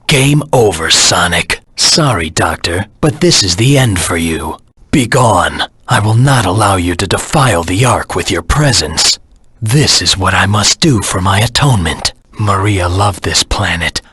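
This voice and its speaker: Casting: vengeful hedgehog anti-hero for a video game. Grave, brooding, heavily husky, dry close sound. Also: male voice, low voice, expressive, measured pace, fairly bright tone, dry recording, exaggerated voice. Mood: cold, defiant. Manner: terse, grave, menacing. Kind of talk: video game character acting.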